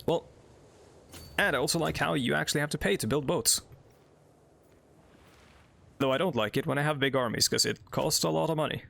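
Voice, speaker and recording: A young Norwegian man, speaking English as a second language with a Norwegian accent, hosts a let's play in a slightly high, fairly quick, creaky voice that's a bit bright. He pauses often and rambles, filling gaps with fillers and chatty asides while reading game text aloud.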